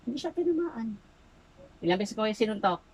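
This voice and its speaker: A woman folk healer runs an exorcism and fires the same short questions again and again. Her pitch swings widely from low mutters to sharp high demands. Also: very animated, brisk, husky, low-quality recording. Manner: insistent, repeating short questions. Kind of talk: exorcism interrogation.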